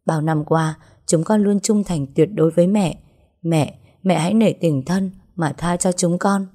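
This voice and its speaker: A woman's voice: lowish voice, a little slow, warm tone. A woman voicing a desperate young woman who earnestly begs for mercy. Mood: pleading. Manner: pleading, earnest. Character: desperate young woman pleading with her adoptive mother.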